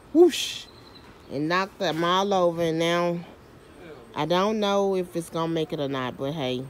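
Filming herself on a handheld phone, a woman with a lowish voice walks viewers around her garden outdoors, poking fun at herself and chatting in Southern US slang. She's a home gardener who vlogs, and a little hiss or hum runs through the clip.

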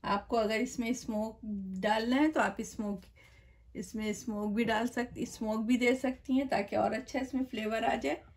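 A middle-aged woman runs a cooking channel from her home kitchen and talks viewers through a recipe one step at a time, chatty and direct. Her voice is slightly high, with a steady tone and a moderate pace.

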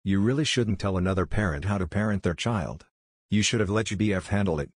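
A man with a very low, slightly husky voice reads text aloud in an even, steady narration. The recording is dry and close, with almost no room sound. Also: fast talker, dry recording. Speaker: narrator reading comments. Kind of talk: scripted narration.

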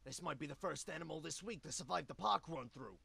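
A man voices a grumpy, foul-mouthed, bossy 63-year-old cartoon rabbit, a scheming salesman, in adventure game dialogue. His fairly high, bright, husky voice has vocal fry and a forceful tone, delivered animated and fast in an exaggerated way with no echo. He sounds dry and bossy, swearing and using slang.

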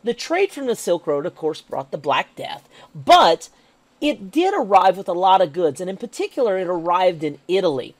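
A woman's voice: lowish voice, big pitch swings, moderate pace, no echo. A woman teacher giving a recorded history lecture over slides, emphatic and checking in with "okay?" as she goes.

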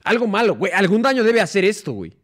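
A young man with a Mexican accent, streaming casually, full of slang and swearing, with frequent laughs and viewer stories read aloud. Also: fast talker. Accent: Mexican Spanish. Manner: slangy, swears freely, laughs often, reads stories in a lower flat voice. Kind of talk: casual livestream chat, reading viewer stories.

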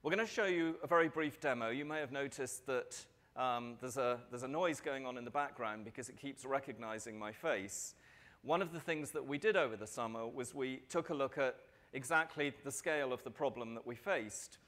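The speaker is a middle-aged man presenting a prepared keynote to a large conference from behind a lectern mic. He talks at a medium pitch in an even, measured way, now and then slipping in a filler.

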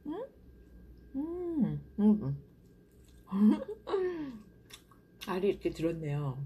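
A woman in a casual eating vlog, talking through a full mouth while chewing, humming between slow words. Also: mid-range voice, wildly swooping pitch, mellow, slight background noise. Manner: slow, murmuring with frequent hums. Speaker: mukbang vlogger.

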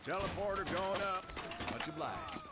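A man's voice: high voice, normal speed, heavy background noise, natural voice. An actor playing an easygoing male engineer with a polite, folksy drawl. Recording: game audio over loud music.

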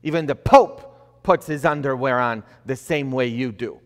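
The speaker is a middle-aged priest at a church pulpit, his mid-range voice unhurried as he builds emphasis and tosses in rhetorical questions during his sermon. It's recorded indoors in the sanctuary by a fixed, distant camera, with the long reverb typical of a church hall.

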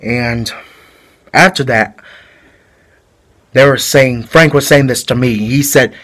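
A man playing a rambling, slow-spoken killer. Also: medium pitch, fairly bright tone. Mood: flat confessing. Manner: halting, rambling storytelling with restarts. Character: rambling male killer confessing a brutal fight. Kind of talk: amateur home-video drama.

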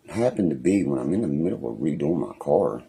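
This is a rumbling low, gravelly, slightly rough male voice with a dark tone, moving at a quick pace with lively intonation. The speaker, a young West Virginian man, is livestreaming from his phone in a small home room, rambling in anger, threatening people and swearing heavily.

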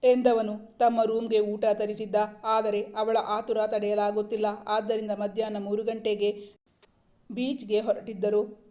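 A woman narrating a romance novel in scripted storybook style, with a steady reading. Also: mid-range voice, measured pace.

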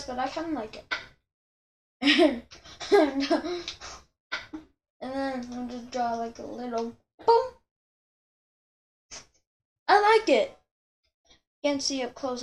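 A woman's voice: sits high, reverberant. A woman hosting her channel, chatting casually with viewers as she draws, rambling and often correcting herself. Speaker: channel host. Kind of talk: casual commentary while drawing.

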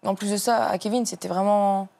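A woman's voice: medium pitch, steady tone, brisk, vocal fry, mellow. A young woman, a friend of the victim, answering earnestly on a TV talk show while searching for her words. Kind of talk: TV interview answer.

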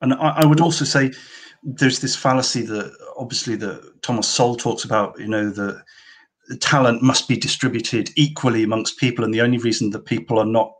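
Husky-voiced man arguing emphatically. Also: mid-range voice, fairly quick. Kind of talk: casual debate on art.

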